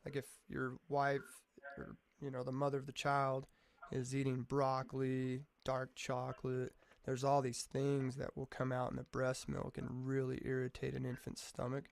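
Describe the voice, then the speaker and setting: Gravelly laid-back guy, swears freely. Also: medium pitch, monotone, normal speed. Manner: laid-back, profane storyteller who says "man" a lot. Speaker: podcast guest. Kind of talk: casual chat.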